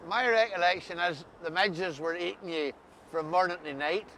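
A man's voice: high-pitched, normal speed, sharp tone, poor audio. A mature man with an Ulster Scots accent, interviewing in a casual, hesitant way and often repeating words. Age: middle-aged or older. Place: outdoors on a grassy coastal path by the sea. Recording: faint outdoor ambient noise.

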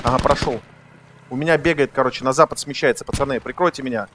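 A man's voice: medium pitch, fast, fairly bright tone. A man in gaming voice chat, calling out targets urgently and swearing heavily. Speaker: squad gamer. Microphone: gaming voice chat mic. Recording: noisy game audio with gunfire. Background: gunfire, artillery, clicks.

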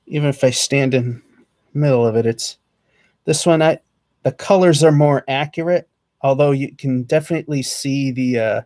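A channel host in his thirties, with a mid-range, slightly mellow voice, rambles through a casual vlog update, chatty and full of fillers and restarts. He's in a small attic with a sloped wood-paneled ceiling, on a webcam set at desk distance.

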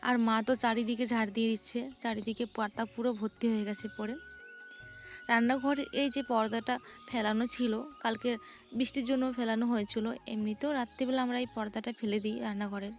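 A woman's voice: on the high side, fairly even intonation, fast talker, faint music behind. A young woman, narrating her morning chores in a chatty home vlog. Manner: chatty, describing chores as she goes. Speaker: vlogger.

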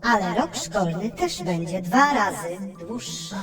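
A woman's voice: mid-range voice, big pitch swings, unhurried, soft background music. A woman voicing Robi, a know-it-all onboard computer in a children's cartoon, who lectures in facts and starts with a beep. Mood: lecturing. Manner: lecturing, factual, beeps before speaking. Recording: roomy, distant and echoey.

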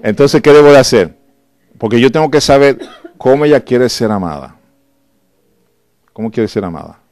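A man's voice: medium pitch, lively intonation, moderate pace, a little mellow, no room sound. A male pastor preaching a sermon in a conversational, exhortative way and often asking the congregation questions.

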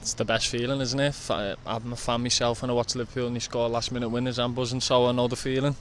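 A man's voice: medium pitch, level tone, fast talker, slight background noise. A man in his twenties, a footballer, giving short plain answers outdoors into a handheld mic. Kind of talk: post-match interview. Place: outdoors by a training pitch.

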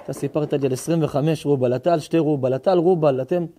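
A man, a rabbi, telling a story in a sermon, acting out the dialogue with sudden high, excited voices and shouts.

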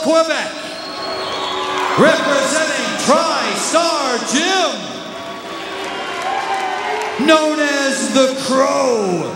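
Booming high-pitched lucha libre style ring announcer man. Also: animated, drawn-out words, vocal fry, pauses often, over a noisy crowd. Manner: showy, bilingual flourishes, stretched names. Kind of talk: drawn-out, booming fight introductions in lucha libre announcer manner. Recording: echoey arena PA with background noise.

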